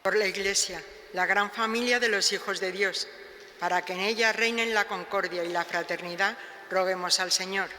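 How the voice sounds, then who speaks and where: A man's voice: high voice, steady tone, moderate pace, pushed and bright. A man reading petitions at Mass in a solemn, formal way, his voice ringing with cathedral echo. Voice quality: voice echoing as in a cathedral. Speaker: lay reader of intercessions at Mass. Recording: long cathedral echo, background noise.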